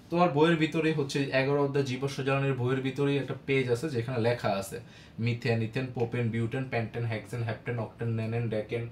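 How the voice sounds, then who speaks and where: Echoey male chemistry teacher. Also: on the high side. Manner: asks questions and answers them himself, repeats key words. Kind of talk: classroom lesson, call-and-response. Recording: echoey room with faint background noise.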